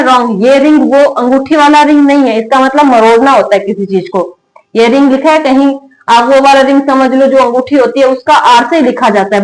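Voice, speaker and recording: A woman's voice: high-pitched, rough recording. A woman teaching an English lesson in Hindi, repeating each word and asking herself questions before she answers them. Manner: repetitive call-and-response drilling, asking and answering her own questions.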